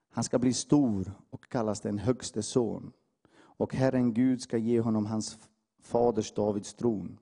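A male preacher delivers an impassioned sermon in a dark, mellow voice. He pushes hard on his calls to the congregation, then drops low for quiet asides. His carries a slight edge. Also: gravelly. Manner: impassioned, swings from loud exhortation to hushed asides.

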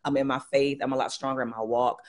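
A woman's voice: a bass voice, fairly even intonation, fast. A young woman, a worship singer, talking earnestly as a guest in a faith interview, laughing often between thoughts. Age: young adult. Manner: earnest, laughs often, many restarts and fillers.

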